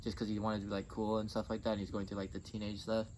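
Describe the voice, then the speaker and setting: A young man guesting on an interview tells a story in a laid-back, matter-of-fact, casual way, his low-ish, slightly mellow voice monotone and rapid-fire. The recording is noisy, with clearly audible background noise.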